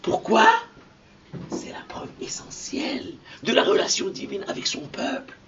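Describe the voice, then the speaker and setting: A man giving an impassioned sermon as a rabbi, dropping to whispers and rising to shouted verses. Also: unhurried. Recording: distant lo-fi recording.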